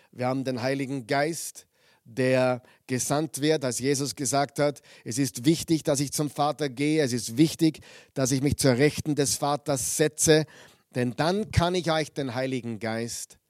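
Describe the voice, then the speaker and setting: Earnest German-speaking preacher, dry sound. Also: male voice, mid-range voice, a little slow, a little mellow, dry recording. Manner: earnest, emphatic scripture reading with rising intensity. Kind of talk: bible teaching sermon.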